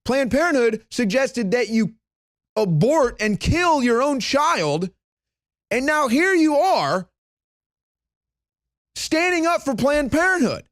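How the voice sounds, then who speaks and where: A man delivering opinionated news commentary, indignant and sarcastic, rising to loud emphatic peaks. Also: extremely high pitch, no echo, clean studio sound.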